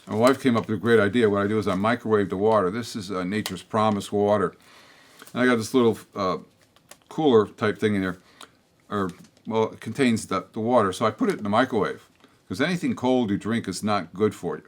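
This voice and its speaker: Looking right into the camera, the older host of a local political public-access program rambles through his opinions at a brisk clip. His somewhat low voice is a bit hoarse from a throat tickle, and his blunt talk is full of restarts and tangents.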